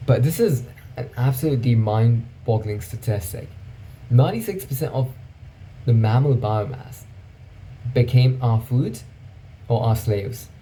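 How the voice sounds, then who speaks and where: A man's voice: mid-range voice, lively intonation, a little slow, long pauses, mellow, a little hiss or hum. A man talking through his thoughts in a casual, reflective monologue, thinking aloud and often checking in with "right?". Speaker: vlogger.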